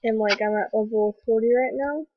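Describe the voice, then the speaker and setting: A young woman with a stuffy cold voice hosting a casual gaming commentary vlog, rambling excitedly with lots of fillers. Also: a little high, normal speed, no echo. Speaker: gaming video host. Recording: dull lo-fi voice recording.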